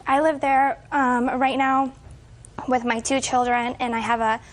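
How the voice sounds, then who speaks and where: Young female defendant, higher register, hesitant short courtroom answers. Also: little pitch movement, a little slow. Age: 20s. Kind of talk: courtroom testimony.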